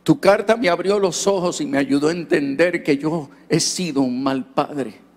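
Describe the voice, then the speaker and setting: A man voicing his remorseful father, who speaks in a slow, grave and tender way as he apologizes to his son. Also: on the high side, a little mellow, long reverb tail, natural voice.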